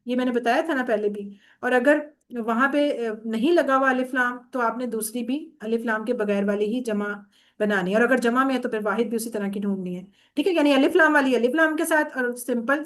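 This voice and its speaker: A woman teaching an online Arabic grammar class. She explains patiently, often checks that students follow, and mixes English words into her explanations. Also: fairly high pitch. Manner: patient, often checks understanding with "theek hai?".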